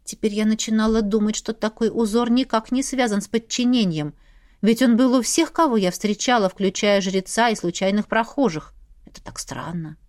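A woman narrating a novel in the first person with steady, even storytelling. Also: fairly high pitch, normal speed. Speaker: audiobook reader.

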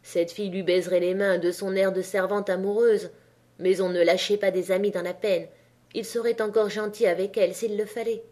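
Woman audiobook reader, measured and expressive, mid-pitched. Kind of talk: audiobook narration of a classic novel.

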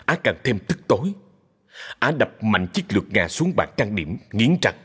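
A man narrating a dramatic folk story in a steady, expressive storytelling manner. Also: lowish voice, moderate pace, in a large hall, a little hiss or hum.

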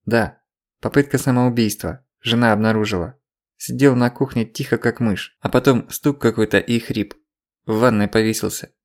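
A man's voice: medium pitch, moderate pace, close to an everyday voice. A man reading an audiobook, voicing a panicky, breathless middle-aged man who wails down the phone. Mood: grim. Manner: wailing, rattled.

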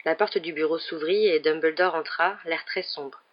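A man reading a children's fantasy novel aloud as scripted narration, lifting his voice for the characters' lines. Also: normal speed. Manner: reads all the characters with raised pitch for quoted lines. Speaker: audiobook reader. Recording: dull lo-fi recording.

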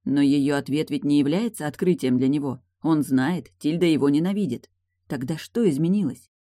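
A narrator reading a novel aloud in a steady, even way. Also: female voice, low-pitched, normal speed, dry recording, clean studio sound. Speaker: audiobook narrator. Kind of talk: audiobook narration.

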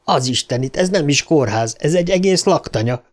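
A man's voice: fairly high pitch, expressive, lightly acted. A man voicing an adult man returning to his hometown in an audiobook, speaking in short, startled exclamations. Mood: surprised.

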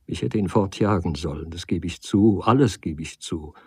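A man's voice: deep voice, moderate pace, breathy edge, dry recording. A man reading the part of a desperate woman who weeps, pleads and reproaches her lover. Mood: pleading. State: crying.

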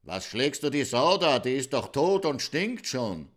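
A man's voice: mid-range voice, very animated, a little slow, a bit bright. A man voicing a plain-spoken male wanderer asking matter-of-fact questions. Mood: puzzled.

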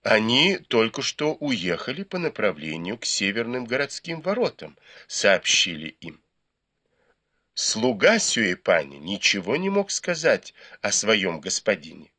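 A man reading a novel aloud in measured, scripted narration. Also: on the low side, pushed and bright, husky. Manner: measured storytelling. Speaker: audiobook reader.

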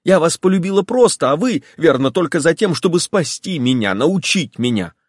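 A man puts on a fiery, impulsive young woman in this audiobook, raised high above his own register and pushed louder. Her lines press and plead, swooping in pitch. The recording is close and dry. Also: very animated, moderate pace, dry recording. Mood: agitated. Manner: pleading, agitated, insistent. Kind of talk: audiobook character voice.

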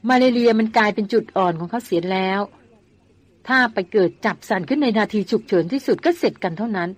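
A woman's voice: mid-range voice, a little mellow, natural voice. A woman reading as a bossy young woman doctor. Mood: worried. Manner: scolding, quick-tongued.

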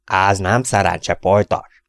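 A man's voice: low voice, fairly even intonation, creaky, fairly bright tone, no echo, studio quality. A man voicing a cocky, easygoing fellow patient who talks in a chummy drawl.

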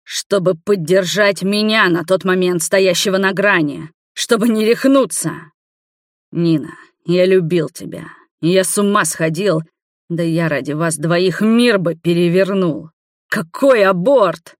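A woman voicing a distraught man with a weak heart, shouting in slow, heavy anguish in an audiobook. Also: on the low side, no room sound, studio quality, natural voice.

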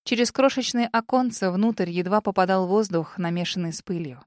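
A woman narrating an audiobook in a measured, expressive storytelling voice. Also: medium pitch, no room sound, studio quality. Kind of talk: scripted narration.

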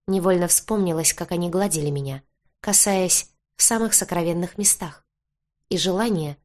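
A woman's voice: lowish voice, darkish tone. A woman narrating a first-person fantasy audiobook, lightly voicing the characters' quoted lines.

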